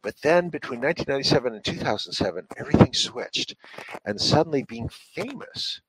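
A man's voice: mid-range voice, animated, brisk, a bit bright, a little hiss or hum, rough recording. A man who writes and speaks about parenting, answering interview questions in an earnest, instructive way with frequent fillers. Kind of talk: interview answers giving advice.

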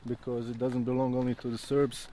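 A man explaining things casually as a local guide, a little haltingly, repeating words. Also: medium pitch, monotone, warm tone. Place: outdoors in a town street. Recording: faint outdoor street and traffic noise.

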